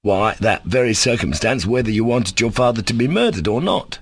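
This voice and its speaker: A man's voice: fairly low pitch, lively intonation, normal speed, breathy edge. A man reading an audiobook, voicing a sickly, resentful male servant who talks coolly and sarcastically. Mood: insolent. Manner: cool, defiant, sarcastic.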